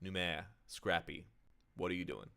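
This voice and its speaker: Bright, low-voiced man as game master. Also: normal speed, creaky, smooth. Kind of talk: casual tabletop game narration.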